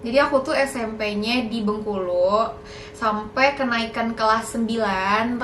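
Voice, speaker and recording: Young woman, fairly high voice, chatty and a bit nervous, casual vlog, echoey room, faint background hum. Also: a bit bright. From Indonesia. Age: young adult. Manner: chatty, slightly nervous, mixing in English words. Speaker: YouTuber.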